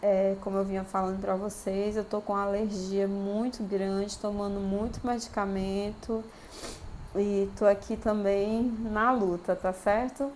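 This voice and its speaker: A woman's voice: mid-range voice, little pitch movement, a little slow, a little mellow, slight background noise. A woman with a Brazilian Portuguese accent, a university lecturer recording a video for her students. Her voice is worn by a cold, and she speaks in an encouraging way, often checking in with her listeners. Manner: encouraging, keeps checking in with "tá bom?".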